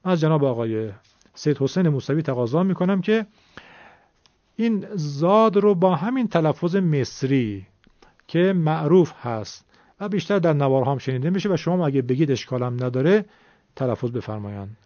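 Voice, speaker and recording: Male tajweed teacher, patient explainer, slow demonstrations, lo-fi recording. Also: fairly high pitch, expressive, a little mellow, dry recording. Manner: explains slowly, then demonstrates drawn-out Arabic sounds. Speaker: Quran recitation teacher. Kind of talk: tajweed lesson with recited examples. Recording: dull lo-fi recording.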